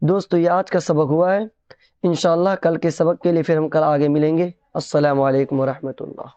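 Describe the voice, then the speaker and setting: A male Quran teacher giving a recitation lesson, chanting verses slowly and drawn out, then explaining pronunciation in quick spoken asides. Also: fairly high pitch, little pitch movement, dark tone, dry recording, lo-fi sound.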